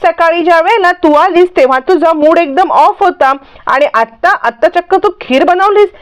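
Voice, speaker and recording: A woman voicing a young daughter who gently coaxes and questions her mother. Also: very high-pitched, moderate pace, voice pushed up. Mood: coaxing. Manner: gently coaxing. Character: young daughter, coaxing and curious.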